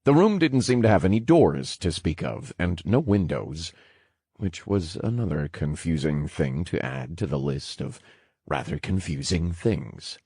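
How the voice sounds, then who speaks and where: Male audiobook narrator, very deep and husky, slow and measured, dry booth sound. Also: lively intonation, warm tone, no echo. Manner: measured, wry storytelling.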